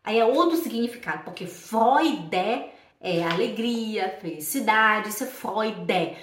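Animated teacher woman, echoey room. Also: medium pitch, far from the mic. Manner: animated, demonstrating sounds slowly. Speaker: German teacher. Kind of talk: pronunciation lesson. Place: Switzerland. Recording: echoey room, voice a bit off-mic.

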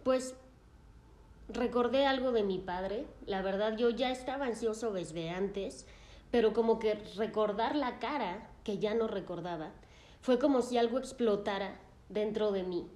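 A woman voicing a distraught grown man, an anxious therapy patient who talks in a halting, self-blaming way. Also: medium pitch, darkish tone, reverberant, lightly acted. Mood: distressed.

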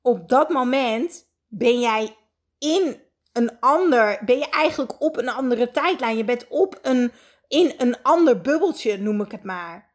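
A woman's voice: fairly high pitch, lively intonation, a little slow. A woman coach talking earnestly in a live session, reflective and hesitating at times. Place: indoors at home.

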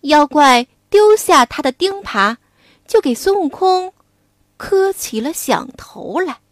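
A woman telling a children's story in a slow, expressive, animated way, recorded on a close mic. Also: sits high, no room sound.

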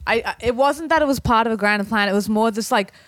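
A woman's voice: a little high, fast, fairly bright tone, no echo. Dry-voiced woman musing in conversation. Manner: earnest, hesitant, lots of restarts and "like". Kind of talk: casual conversation about philosophy.

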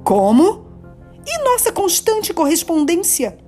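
A woman's voice: very high voice, huge pitch swings, takes it slowly, dark tone, soft background music, pitched above the performer's own voice, exaggerated voice. A woman voicing an impassioned young man who exclaims with pleading intensity. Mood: anguished. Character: desperate young man, impassioned and anguished lover.

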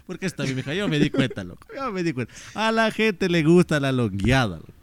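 A man's voice: on the high side, a little fast, no echo. A young man, telling slangy, laughing stories as a podcast co-host in casual chat. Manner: animated, slangy, laughing storyteller.

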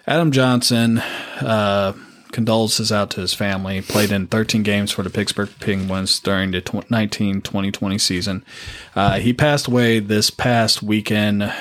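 A man's voice: fairly low pitch, fairly bright tone. A man co-hosting a casual sports podcast, talking loosely with lots of fillers and laughs between points. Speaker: podcast co-host.

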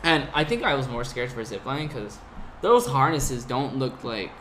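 A young man from California, guesting on a podcast, tells travel stories in an animated, laughing way, saying "like" a lot. His voice is mid-range at normal speed. The recording is low-quality, with faint background noise.

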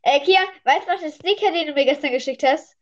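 Squeamish high female voice, lo-fi. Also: fast talker. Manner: jumpy, squeamish, keeps exclaiming. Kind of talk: casual chat on a call. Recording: dull lo-fi line.

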